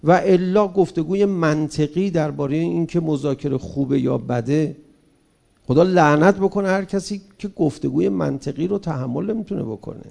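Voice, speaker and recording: A man speaking to an audience in a fervent, rhetorical manner, often turning to his listeners with direct questions. His voice sits high, with a gravelly, creaky grain. The tone is dark and mellow rather than bright. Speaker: public speaker. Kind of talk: impassioned public speech to an audience.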